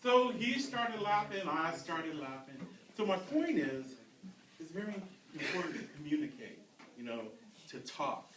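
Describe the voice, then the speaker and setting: A man's voice: on the high side, sing-song, measured pace, a crowd in the background. Man speaking to a class in a roomy space. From United States. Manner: storytelling, asks the audience questions. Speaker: community speaker. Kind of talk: talk to a youth class. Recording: roomy, from a distance, faint noise.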